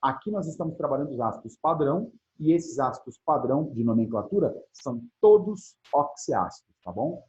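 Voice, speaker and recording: A man's voice: mid-range voice, very animated, brisk, hardly any pauses, darkish tone. A man with a Brazilian Portuguese accent teaching a chemistry video lesson, asking himself questions and answering them. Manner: explanatory, asks and answers his own questions. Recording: muffled lo-fi audio.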